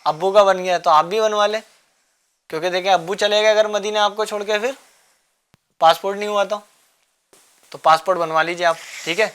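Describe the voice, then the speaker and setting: Guy hosting a kids' show, bright tense voice, keeps asking the kids stuff and teasing them a bit. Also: high voice, fairly even intonation, pauses often, clean tone. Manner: coaxing, repeats questions, gently teasing. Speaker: host of a children's religious show. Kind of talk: quizzing children in a studio class.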